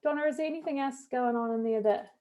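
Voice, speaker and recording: A woman with a New Zealand accent leads a live webinar for teachers, walking through classroom software step by step. Her voice is soft and mellow, her manner chatty and encouraging, with casual fillers along the way. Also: high voice, fast. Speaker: teacher trainer. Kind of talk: live webinar tech demo.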